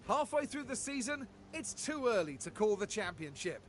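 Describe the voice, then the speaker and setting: An actor playing a male race broadcast presenter, giving a scripted preview in a smooth announcer delivery. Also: sits high, sing-song, moderate pace, faint music behind. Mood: upbeat.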